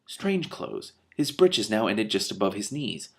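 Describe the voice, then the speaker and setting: Reading a comic novel aloud with commentary, a man with a lowish voice and vocal fry stumbles and restarts on words. His delivery is very animated and measured in pace, broken off by loud, disbelieving swearing.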